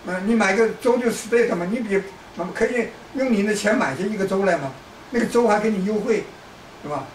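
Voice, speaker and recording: Man from China, hectoring commentator, high-pitched; distant, roomy recording with faint background noise. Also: fairly quick. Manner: lecturing, repetitive restarts, hectoring asides. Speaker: political commentator. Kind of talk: rambling political monologue.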